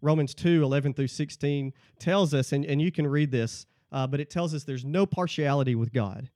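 A man's voice: on the high side, normal speed, darkish tone, no echo, clean studio sound. A man talking about the Bible in a casual discussion, laying out points one by one and often checking in with "okay?". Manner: explains point by point, tags lines with "okay?". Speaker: guest.

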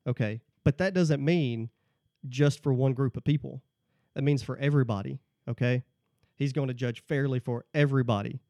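A man's voice: mid-range voice, normal speed, mellow, no room sound, studio quality. Man explaining scripture, checking "okay?". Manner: explains point by point, tags lines with "okay?". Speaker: guest. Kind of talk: casual faith discussion.

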